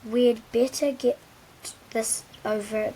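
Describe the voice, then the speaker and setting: A woman voicing a calm, wise old man wizard who speaks in a measured, gentle way. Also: fairly high pitch, slight background noise, low-quality recording.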